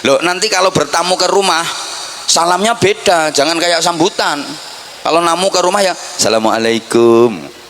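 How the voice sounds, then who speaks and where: A man with a Javanese accent preaching a humorous sermon. His voice sits somewhat high and rings bright and forceful, with a faint hiss of noise behind it. He teases playfully and slips into mock voices. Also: moderate pace. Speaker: Islamic preacher.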